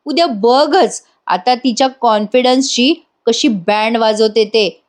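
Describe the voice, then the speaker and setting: This is a scheming young woman, read by a woman narrator, smug and teasing as she hints at a plan. The voice sits somewhat high. It is read out plainly. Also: a little slow, close to an everyday voice.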